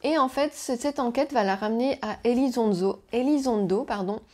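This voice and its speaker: A woman's voice: fairly high pitch, brisk, a little mellow. A woman vlogger chatting casually about her month's reading, hesitant and full of fillers. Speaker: book vlogger.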